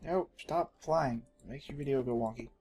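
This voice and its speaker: The host, a Texan with a matching accent, chats through gameplay in a rambling, self-mocking way and often talks to himself. His voice is warm and medium-pitched at a normal speed, recorded at home with faint background noise.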